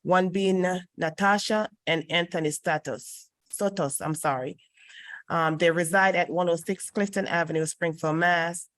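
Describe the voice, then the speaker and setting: A woman with a slightly low voice chairs a public board hearing, heard over an online group voice call. Her delivery is formal and procedural, dotted with ums and small restarts as she moves through the agenda. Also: steady tone, a little slow. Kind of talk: formal meeting chairing and reading into the record.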